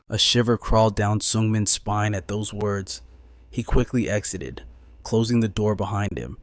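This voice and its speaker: A man's voice: lowish voice, no echo. A man narrating a comic recap in a scripted, dramatic storytelling manner.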